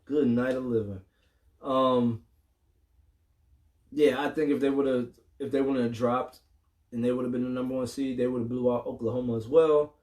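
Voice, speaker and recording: A man's voice: mid-range voice, fairly even intonation, normal speed, pauses often, darkish tone. A man hosting a casual sports talk show, speaking frankly with plenty of ums and the odd curse. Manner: frank, hesitant with many ums, mildly profane.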